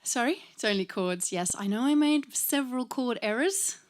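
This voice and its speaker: A woman's voice: on the high side, lively intonation, normal speed. A woman in her forties chatting casually between songs at a home live stream, laughing often and filling gaps with ums. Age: 40s. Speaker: singer-songwriter hosting a live stream. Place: home lounge.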